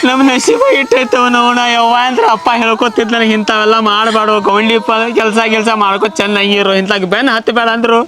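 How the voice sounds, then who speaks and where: A man's voice: extremely high pitch, level tone, brisk, hardly any pauses, bright, forceful tone. An actor playing a young village man who has lost his money, sobbing and lamenting. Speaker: ruined gambler. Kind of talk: short film comedy acting.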